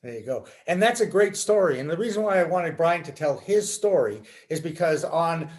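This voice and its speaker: A man's voice: on the high side, lively intonation, normal speed, a little mellow. A man in his sixties hosting a casual interview over a video call from home, chatty and enthusiastic. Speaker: host. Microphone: video call webcam.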